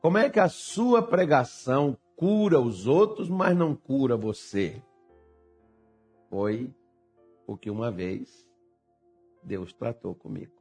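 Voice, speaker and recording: A male pastor delivers a sermon in a husky, slightly breathy voice at a middle pitch. He moves from quiet, intimate storytelling to loud, insistent emphasis. Faint music plays underneath. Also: expressive, takes it slowly, long pauses. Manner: swings from hushed storytelling to loud emphatic preaching.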